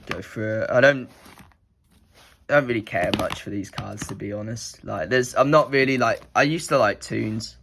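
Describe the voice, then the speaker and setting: With a lowish, gravelly, slightly bright voice at normal speed, a young vlogger rambles through his card collection in casual show-and-tell fashion. A head cold makes him sound nasal, he leans on filler words, and there's slight background noise.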